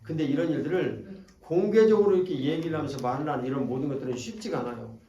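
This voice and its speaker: A man's voice: fairly high pitch, quick pace, dark tone, far from the mic, muffled recording. A man with a Jeolla accent, preaching a sermon at a revival meeting in a folksy, joking way that teases the congregation. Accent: Jeolla Korean. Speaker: pastor. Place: church sanctuary. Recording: echoey church hall from off-mic.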